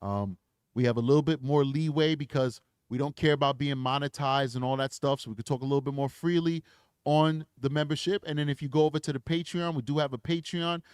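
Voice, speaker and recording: A man's voice: fairly high pitch, a little fast, darkish tone, clean tone, no echo, studio quality. A man hosting a true crime livestream, preaching with emphasis and then chatting casually through his plugs on a desk microphone. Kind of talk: impassioned livestream outro.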